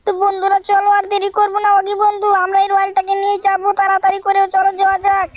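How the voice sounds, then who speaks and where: Lady doing a squeaky bratty little boy, fast and flat, super dry sound. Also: dry recording. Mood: excited. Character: mischievous little boy, bossy and hot-tempered. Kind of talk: fan-dubbed game video.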